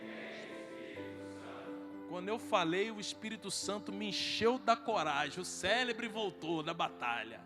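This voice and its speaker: With a high voice and lively intonation, a man with a Brazilian Portuguese accent speaks at normal speed with few pauses, telling a funny sermon story and acting out every line of dialogue. He's preaching in a large hall at a men's congress, which is reverberant and has faint music.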